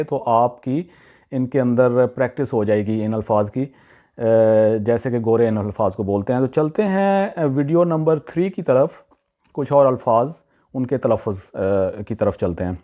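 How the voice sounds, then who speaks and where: A man with a warm, mellow voice teaches pronunciation in an unhurried, casual way. He pauses often with fillers and says each word slowly, then says it again. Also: mid-range voice. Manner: relaxed, repeats words slowly with many fillers. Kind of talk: casual spoken lesson.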